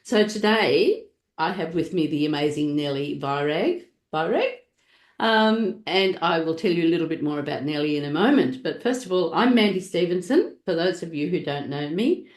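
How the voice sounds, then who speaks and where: A woman hosts an interview in an effusive, gushing way. Her voice sits on the low side. The room around her is noticeably echoey. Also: animated, moderate pace. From Australia. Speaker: podcast host and natural health practitioner. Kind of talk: interview hosting.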